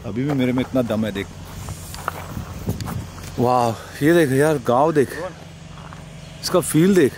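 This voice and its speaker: A man's voice: medium pitch, a little slow, long pauses, background noise. A man in his thirties from India, vlogging in casual, playful chat with a friend while walking around a farm. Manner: excited, playful banter with a friend. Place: outdoors on a farm and in a small farm shed.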